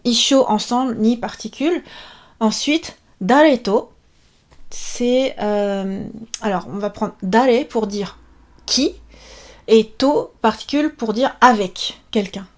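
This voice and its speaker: A woman's voice: on the high side, slow. Bubbly woman giving a chatty lesson. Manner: lively, chatty, many fillers, playful asides. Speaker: Japanese language teacher. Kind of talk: casual video lesson.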